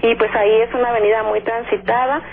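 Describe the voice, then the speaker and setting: Phoning in to a radio program, a woman with a Mexican Spanish accent tells a ghost story with lively energy, voicing other people's words and saying "este" a lot. She talks quickly in a slightly high, creaky voice over a tinny line.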